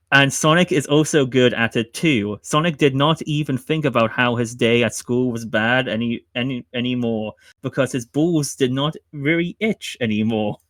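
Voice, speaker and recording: A man hosting a podcast, narrating fanfic aloud with halting restarts and bursts of laughter. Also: medium pitch, fairly bright tone, no echo. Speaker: podcast host. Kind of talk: reading fanfic aloud, casual chat.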